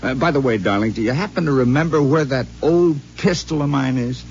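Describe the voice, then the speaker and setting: An actor playing a scheming male robot double of a husband, talking smooth and falsely sweet in a 1950s radio drama. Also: mid-range voice, fairly quick, a little mellow, close to an everyday voice. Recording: dull 1950s radio broadcast with faint hum.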